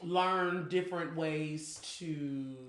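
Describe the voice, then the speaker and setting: A woman's voice: low-pitched, fairly even intonation, very slow, roomy sound. A woman co-hosting a podcast in loose casual chat, drifting from one thought to the next. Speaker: podcast co-host.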